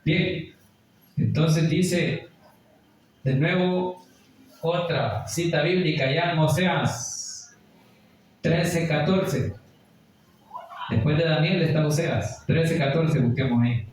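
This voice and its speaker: Echoey preacher man, scripture rising high. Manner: rises sharply when reading scripture aloud, slow emphatic phrasing. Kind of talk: Bible study sermon. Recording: echoey room, far from the mic.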